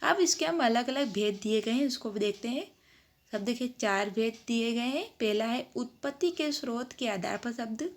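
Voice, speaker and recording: A woman teacher giving a grammar lesson to children, drawing out example words and asking the class questions. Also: fairly high pitch.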